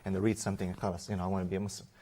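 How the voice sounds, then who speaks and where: Romanian-born male guest, lowish voice, animated storytelling with restarts. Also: racing, breathy edge. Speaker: interview guest. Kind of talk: conversational personal testimony.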